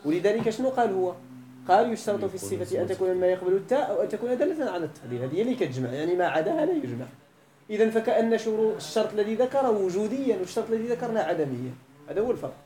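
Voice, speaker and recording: Speaking very fast in a high, mellow, sing-song voice, a Moroccan Arabic teacher gives a classroom grammar lecture. He keeps firing questions at the students to make sure they're keeping up, and the lesson hall sounds roomy.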